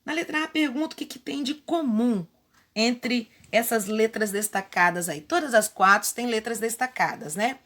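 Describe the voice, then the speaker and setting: A woman's voice: a little high, moderate pace, fairly bright tone. A female primary school teacher from Brazil patiently going through workbook exercises step by step in a remote lesson. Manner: patient, explains step by step with diminutives.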